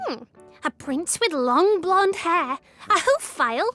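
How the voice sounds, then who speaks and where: A cheerful young ostrich chirps along in a very high, bright, lively voice. She sounds eager and imaginative, the plucky heroine of a children's cartoon. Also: takes it slowly, soft background music, exaggerated voice.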